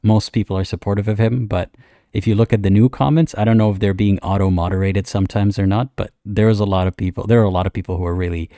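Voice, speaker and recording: A man hosting a call-in show, asking measured, probing questions. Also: on the low side, steady tone, dark tone, dry recording, studio quality. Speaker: host.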